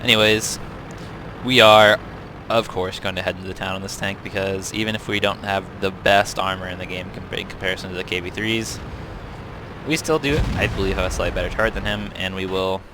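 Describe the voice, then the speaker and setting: A man's voice: sits low, steady tone, fairly quick, noisy background. A young man casually commenting over replays of his own tank battles, chatty and self-correcting, with frequent ums. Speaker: game reviewer. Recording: tank game sounds loud behind voice.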